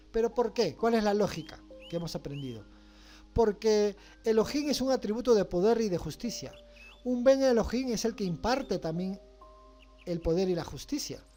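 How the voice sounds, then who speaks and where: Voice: medium pitch, warm tone. Patient teacher asking rhetorical questions. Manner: explains patiently, checks understanding with repeated questions. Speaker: religious studies teacher. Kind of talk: class lecture with rhetorical questions.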